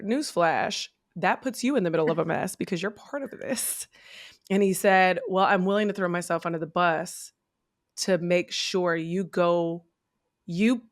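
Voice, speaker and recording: Brief: a woman interview guest, animated and candid storyteller, dry close sound. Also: lowish voice, no room sound. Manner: animated storyteller, acts out quoted voices, swears casually. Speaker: podcast guest, network founder.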